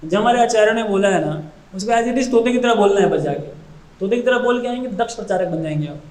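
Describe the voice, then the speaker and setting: A man's voice: high-pitched, fast, darkish tone, roomy sound, poor audio. A man giving a devotional talk as a spiritual speaker, telling stories with energy and often switching into English phrases.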